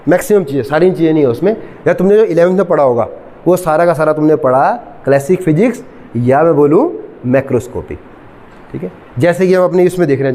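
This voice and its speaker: A middle-aged man teaching a physics class, mixing English terms into his lecture, regularly checking whether students follow, and slowly dictating definitions. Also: fairly high pitch, a little mellow, big-room sound. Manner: asks students frequent check questions, mixes English terms.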